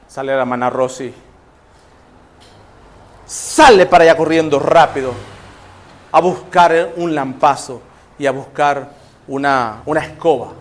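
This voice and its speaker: A man's voice: on the high side, unhurried, long pauses. A male pastor with a Nicaraguan accent preaching conversationally, acting out little scenes. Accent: Nicaraguan Spanish. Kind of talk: sermon.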